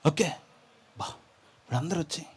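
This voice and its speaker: A man's voice: fairly high pitch, moderate pace, breathy edge. A male preacher giving a humorous sermon, telling a story and acting out its dialogue. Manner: animated, acts out dialogue, jokes with listeners.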